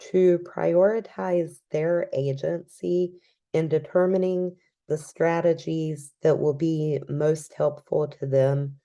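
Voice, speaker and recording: A woman giving a recorded educational presentation in a calm, measured way, with frequent "um" fillers. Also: low voice.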